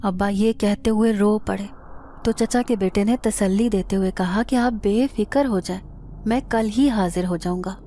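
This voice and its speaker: A woman narrating a scripted first-person horror story in a steady, dramatic manner. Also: mid-range voice, a little hiss or hum.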